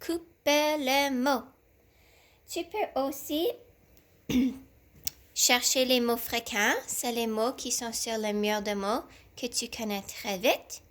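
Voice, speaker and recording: A woman teacher giving a reading lesson to young children from home, speaking slowly and deliberately and sounding out syllables one by one. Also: a little high, a bit bright.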